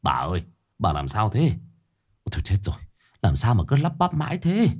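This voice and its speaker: A man voicing a gruff middle-aged village husband in a ghost story, blunt and scolding. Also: on the low side, huge pitch swings, a little fast, a little mellow, full character voice. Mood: worried.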